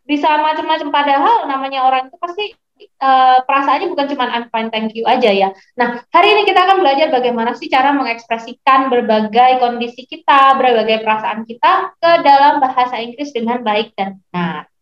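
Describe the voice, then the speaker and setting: A woman teaching English online, explaining slowly and patiently to her students. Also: sits high. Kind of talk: online class lesson, mixing English and Indonesian. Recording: echoey, slightly muffled online lesson audio.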